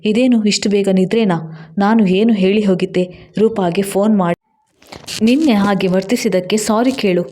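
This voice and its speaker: A woman's voice: mid-range voice, fairly even intonation, moderate pace, warm tone, natural voice. A woman voicing a short-tempered, scornful husband who fires accusing questions in a storybook reading. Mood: angry. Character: angry husband, middle-aged man, scornful and short-tempered.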